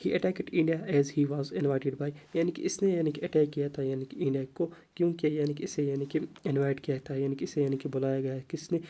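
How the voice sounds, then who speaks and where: A man giving an exam-prep history lesson in a very dark, mellow voice pitched a little high. He keeps asking questions aloud and answering them himself, leaning on the same filler phrase. He reads English notes slowly, then explains them in Urdu. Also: steady tone. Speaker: teacher.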